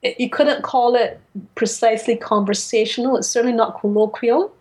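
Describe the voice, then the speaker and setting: Higher-voiced woman discussing books. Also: fairly even intonation, darkish tone. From Caribbean. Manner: articulate, deliberate, careful with word choice. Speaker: podcast co-host. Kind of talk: literary discussion, casual chat.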